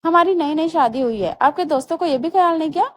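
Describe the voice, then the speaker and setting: A woman voicing a sulky young newlywed wife in a storybook reading. She sounds childish and stubborn, close to tears as she argues. The voice is high, with a faint noise under it. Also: fast, close to an everyday voice. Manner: pouting, stubborn, tearful.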